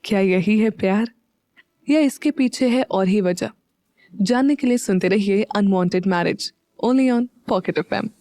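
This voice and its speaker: Female narrator for an audio drama, measured and warm, dry recording. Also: mid-range voice, no room sound.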